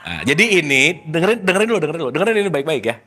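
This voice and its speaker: A man's voice: fairly high pitch, big pitch swings, very fast, pushed and bright. A man leading a casual religious study talk, playful and teasing, slipping in English words. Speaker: spiritual teacher.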